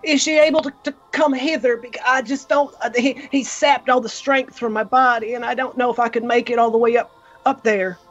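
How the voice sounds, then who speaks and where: A player voicing an earnest, bumbling holy brother who speaks in a halting, dramatic, pious way in a tabletop game. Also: mid-range voice, fairly even intonation, a bit bright, highs cut off, soft background music, close to an everyday voice. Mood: pleading, flustered.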